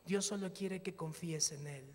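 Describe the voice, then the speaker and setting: High-voiced man preaching in echoey hall. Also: normal speed, slight background noise. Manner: animated storytelling, acting out dialogue. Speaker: pastor. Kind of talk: sermon.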